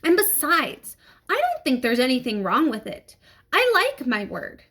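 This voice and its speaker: An earnest fifth-grade boy played by a woman reading aloud stands his ground in a high, swinging voice. He is a storybook kid, informal and a little hesitant, yet stubborn. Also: huge pitch swings, measured pace, pushed and bright, breathy edge, exaggerated voice. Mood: hesitant, defiant.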